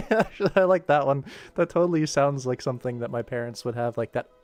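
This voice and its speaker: On a livestream while he works, a man gives casual commentary, musing aloud like a director sorting through takes as game music plays softly behind him. His medium-pitched voice is expressive and fairly quick.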